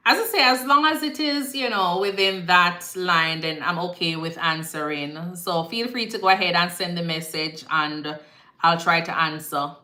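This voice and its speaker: A woman's voice: on the low side, moderate pace, pushed and bright. Jamaican woman chatting in an echoey room. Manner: chatty, repeats herself, slips into patois phrasing. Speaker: nurse hosting a live Q&A. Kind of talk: casual live-stream chat answering viewer comments.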